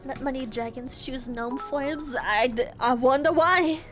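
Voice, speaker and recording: A woman's voice: sits high, measured pace, fairly bright tone, faint music behind. A woman streaming a video game with casual, playful, slangy commentary, thinking aloud. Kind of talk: casual live gaming commentary.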